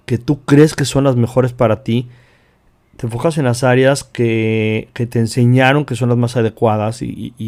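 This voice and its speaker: A man's voice: mid-range voice, a little mellow. A man from Mexico hosting a self-help podcast, talking earnestly to the listener in long chains of repeated phrases. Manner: addresses the listener directly. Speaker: podcast host.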